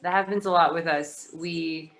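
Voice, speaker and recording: A woman from Canada, a singer-songwriter, chatting easily and turning animated when she retells things. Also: sits low, normal speed. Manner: easygoing, animated when retelling, slight stammer on restarts. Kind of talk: casual interview chat.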